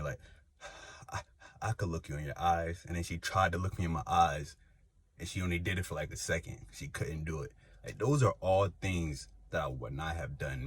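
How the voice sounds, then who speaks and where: A young male vlogger gives a rambling personal testimony to camera, full of fillers and restarts. His voice is deep with a breathy edge and a slight lisp.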